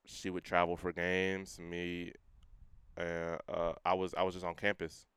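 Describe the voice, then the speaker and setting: A young man with a very deep, very clear voice tells a personal testimony in a casual interview. He talks earnestly, in everyday slang, and drops his voice when he quotes himself. The sound is dry and close. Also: completely flat delivery, unhurried, fairly bright tone, dry recording. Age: young adult. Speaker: guest sharing his testimony.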